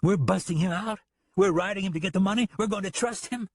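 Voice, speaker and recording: Brief: man voicing a jittery deputy, high and questioning, husky edge. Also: lively intonation, fast, dry recording. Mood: disbelieving. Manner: incredulous, questioning. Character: doubtful, nervous male deputy.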